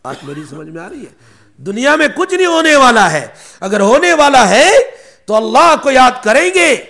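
A man's voice: very high voice, gravelly. A man giving a sermon in storytelling style, acting out the voices of the people in his stories and mixing in English words. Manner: animated, acts out quoted voices, mixes in English words. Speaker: preacher.

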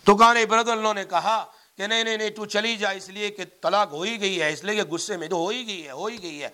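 Very high, bright-voiced male religious lecturer. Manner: acts out quoted dialogue in storytelling, with sudden swings in loudness. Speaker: Islamic scholar and madrasa teacher. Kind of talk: religious lecture on Islamic law.

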